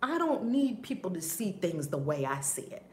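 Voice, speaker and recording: A woman giving a casual spiritual teaching on a livestream, animated, laughing often and swearing casually. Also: lowish voice, moderate pace. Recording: roomy with faint background noise.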